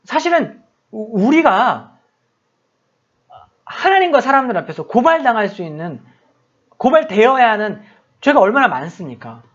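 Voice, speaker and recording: A man's voice: very high-pitched, very animated, moderate pace, long pauses, fairly bright tone. A middle-aged man preaching a sermon as a pastor and missionary, telling a story in a conversational, self-deprecating way. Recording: dull lo-fi sound.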